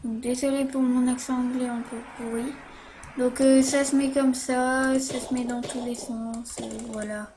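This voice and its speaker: Slow, high-voiced woman explaining a game. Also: little pitch movement, mellow, a little hiss or hum. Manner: hesitant, many fillers and "hop" while playing. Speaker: game tutorial narrator. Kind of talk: casual screen-recorded game tutorial.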